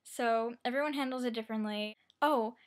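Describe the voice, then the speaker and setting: A woman's voice: a little high, fairly quick. A young adult woman telling a personal story in a casual, rambling, self-deprecating vlog style, often quoting herself and others. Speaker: vlogger.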